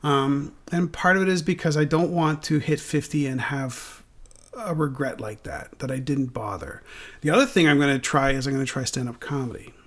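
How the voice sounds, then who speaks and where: A man's voice: mid-range voice, normal speed. Candid, rambling man in his forties. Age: 40s. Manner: rambling, candid, with frequent restarts and swearing. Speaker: guest. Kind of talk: casual podcast conversation.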